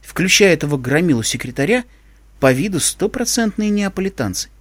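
A man voicing a quiet, observant female zebra who speaks in a measured way. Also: sits high, very animated, dry recording.

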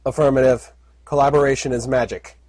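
Monotone suit computer voiced by a man, clipped, dry. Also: mid-range voice, a little fast, no room sound, lightly acted. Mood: flat. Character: flat obedient suit computer voice.

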